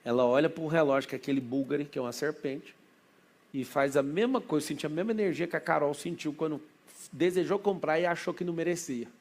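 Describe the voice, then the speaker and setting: A man with a Brazilian Portuguese accent, a business mentor telling an excitable story to a group, full of asides. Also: a little high. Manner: excitable, rapid anecdotal delivery with many asides.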